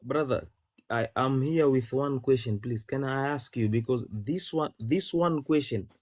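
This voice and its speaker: A man's voice: mid-range voice, measured pace, no echo, clean studio sound. A man from Tanzania, debating religion on a call, who talks insistently, repeats himself and recites Arabic verses. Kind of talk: heated debate.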